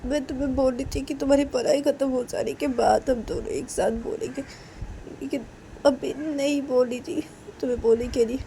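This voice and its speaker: A woman's voice: high-pitched, fairly even intonation, moderate pace, mellow, a little hiss or hum, pitched above the performer's own voice, poor audio. Woman doing a timid, tearful young woman. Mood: tearful pleading. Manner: hesitant, stammering, pleading.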